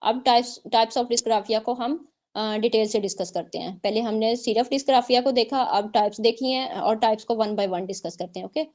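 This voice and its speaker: This teacher talks fairly quickly with hardly any pauses, her fairly high voice carrying a darkish tone. Lecturing online for exam prep, she goes over points again and again and keeps asking "theek hai" to check on her students.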